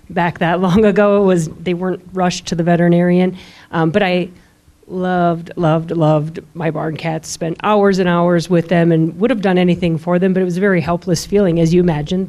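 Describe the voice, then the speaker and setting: A woman telling a personal story as a panel guest, reflective and unhurried with some fillers. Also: on the low side, darkish tone.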